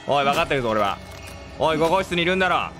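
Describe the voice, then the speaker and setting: A man voicing a taunting male killer with an axe, calling out slow, drawn-out mocking threats to someone hiding. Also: fairly high pitch, expressive, music in the background, lightly acted. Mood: menacing.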